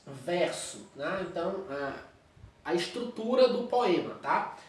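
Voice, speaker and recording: A man's voice: sits high, animated, slow pace. Brazilian male teacher explaining a lesson, constant check-ins, distant mic in a very echoey room. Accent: Brazilian Portuguese. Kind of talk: recorded classroom lecture.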